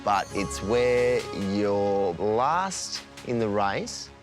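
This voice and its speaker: A man's voice: fairly low pitch, animated, very slow. A man with an Australian accent, talking casually as if in an interview. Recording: music behind the voice.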